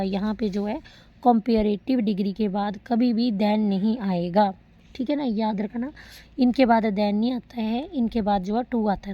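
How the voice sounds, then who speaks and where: A young woman teaching English grammar in Hindi, reading example sentences slowly and calling her students beta. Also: mid-range voice, highs cut off. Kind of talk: classroom lecture.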